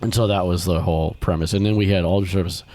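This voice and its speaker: A man with a fairly low voice hosts a relaxed conversation about children's ministry. He tells stories with lots of energy and jumps into a higher voice to act out the people he quotes. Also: fast talker. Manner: animated storyteller, acts out quotes in higher voice. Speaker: podcast host, children's ministry. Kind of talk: casual chat.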